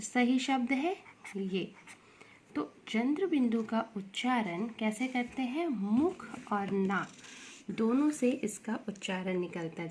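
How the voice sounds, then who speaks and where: Slow, patient woman teaching children. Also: on the high side, darkish tone, a little hiss or hum. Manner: slow, repeats words and asks questions to the pupils. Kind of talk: Hindi grammar lesson for young children.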